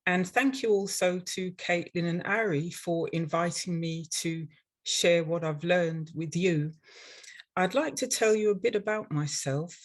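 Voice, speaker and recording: An older London woman with an English accent presents a prepared webinar as a dental hygienist and instructor. Her voice sits a little low for a woman, and she speaks in a measured, instructional way, like an experienced teacher addressing learners.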